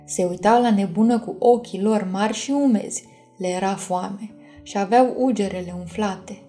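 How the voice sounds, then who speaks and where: Mellow woman reading a storybook. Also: mid-range voice, soft background music. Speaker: audiobook narrator. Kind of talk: scripted storybook narration.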